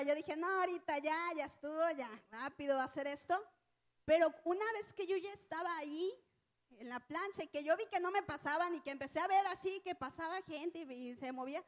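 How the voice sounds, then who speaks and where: A woman teaches a church lesson in a loose, conversational way. Her voice sits very high, and she weaves a personal story through it with colloquial asides.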